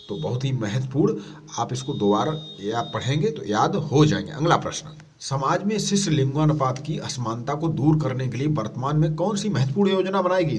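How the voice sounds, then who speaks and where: A man teaches an exam-prep lesson, reading out each question and then supplying the answer in a lower voice while patiently explaining. He sounds far from the mic.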